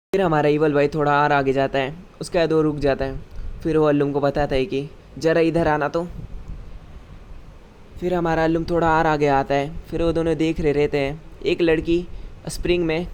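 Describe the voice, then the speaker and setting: A man's voice: fairly high pitch, a little hiss or hum. A man narrating a story recap in a casual, chatty, conversational way.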